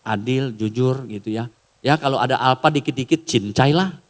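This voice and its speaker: A middle-aged man preaching a sermon in a casual, animated way, sometimes raising his voice. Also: mid-range voice, moderate pace. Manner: casual, animated preaching with raised shouted bits. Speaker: pastor.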